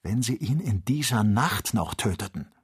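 Man reading a bold hotheaded hunter, brisk, low husky voice. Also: lively intonation. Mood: urgent. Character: bold, impetuous Scottish male hunter.

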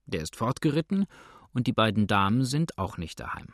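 A man voicing a calm, shrewd innkeeper who speaks in a dry, matter-of-fact way. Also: fairly low pitch, brisk, dry recording, exaggerated voice. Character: calm, shrewd male innkeeper, dryly indifferent.

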